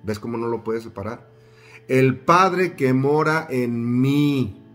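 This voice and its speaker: A man preaches with steady force, hammering the same phrases again and again and turning to his listeners with questions. He reads scripture aloud at a middling pitch. Faint guitar plays softly behind his voice. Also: slow. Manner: emphatic, repeats phrases, asks the congregation questions. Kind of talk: sermon with scripture reading.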